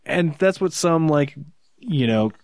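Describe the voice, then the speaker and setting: A man's voice: on the high side, lively intonation, slow, a little mellow, no room sound, studio quality. A man co-hosting a car podcast, talking casually in an agreeable, conversational way. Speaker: podcast co-host. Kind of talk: casual car review chat.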